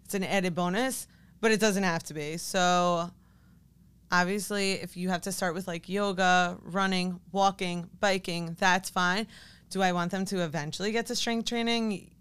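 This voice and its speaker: This woman, a fitness coach and business owner, appears as a guest on a podcast, chatting informally in a casual interview. Her voice is lowish, fairly bright and smooth, with fairly even intonation and a moderate pace.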